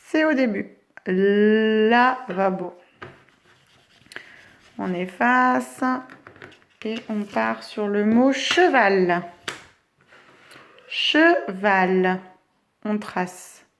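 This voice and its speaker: A woman teacher giving a phonics lesson to young children, stretching each word slowly as she says it. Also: medium pitch, animated, vocal fry, a little hiss or hum. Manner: slow, drawn-out words for children.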